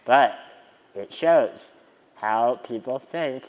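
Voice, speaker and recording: A man's voice: mid-range voice, extremely slow, long reverb tail, dull audio. A man in his twenties telling stories in a conference keynote, with a wry, self-deprecating humor. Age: 20s. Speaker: keynote speaker. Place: conference stage.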